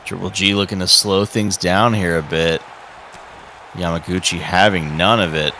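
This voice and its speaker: A man's voice: deep voice, steady tone, normal speed, pushed and bright, a little hiss or hum. A man giving wrestling commentary as the color analyst, in a conversational, analytical way.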